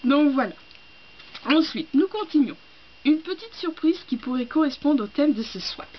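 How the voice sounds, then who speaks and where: Young woman vlogger, higher voice, gushing and hesitant, muffled home mic. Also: moderate pace. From France. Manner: gushing, excitable, hesitant with fillers. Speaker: book vlogger. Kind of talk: casual unboxing chat. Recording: dull lo-fi home recording with faint hiss.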